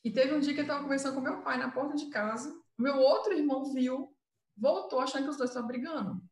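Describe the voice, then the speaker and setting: Brazilian woman consultant, higher voice, explains patiently, roomy echo. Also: fast, darkish tone. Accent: Brazilian Portuguese. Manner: explanatory, uses filler "né". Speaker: communication consultant. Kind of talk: casual live chat.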